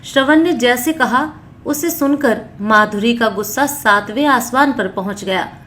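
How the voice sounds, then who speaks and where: A woman narrating a spoken moral story in a steady, expressive scripted reading. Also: fairly high pitch, unhurried, a little hiss or hum.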